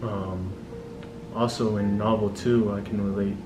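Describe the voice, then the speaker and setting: A young man from California's Central Valley talks haltingly about his studies, pausing on frequent ums. His voice is fairly low and stays level. He sits back from the mic in a roomy space, with music playing underneath. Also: level tone, far from the mic. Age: young adult. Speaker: community college student giving a testimonial. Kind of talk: unscripted testimonial.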